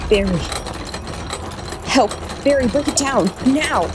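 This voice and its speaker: A woman's voice: lowish voice, fairly even intonation, brisk, noisy background, lightly acted. A woman voicing a frightened young woman trapped in danger, urgent and panicked.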